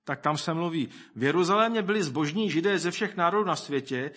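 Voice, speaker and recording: A man with a slightly high voice preaches a sermon, thinking aloud as he reads scripture and quotes people in animated voices.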